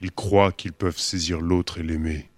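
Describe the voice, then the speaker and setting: A wise old silver seal from a storybook speaks with a very low, deep voice, played by a man. His words are solemn and measured, like an elder giving judgment. The recording is close and dry, with no room sound. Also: flat delivery, no echo. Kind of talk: storybook voice acting.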